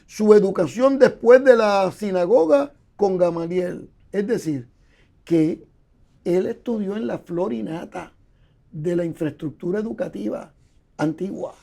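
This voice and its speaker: The speaker is an older male Bible scholar giving long explanations as an interview guest. He repeats words often and stacks up examples in an explanatory, lecturing way, and his high voice is creaky, mellow, and unhurried.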